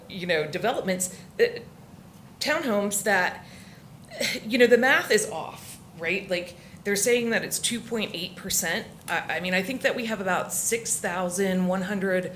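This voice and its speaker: A woman who grew up locally in Florida, speaking at public comment in a council meeting, emotional and halting with many restarts. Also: medium pitch, a bit bright, slight background noise.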